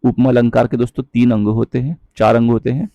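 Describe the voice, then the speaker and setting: Gravelly-voiced male Hindi teacher. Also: medium pitch, level tone, no echo, dull audio. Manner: explains with repeated check-ins to "friends", recites verse slowly. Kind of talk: online exam-prep lesson.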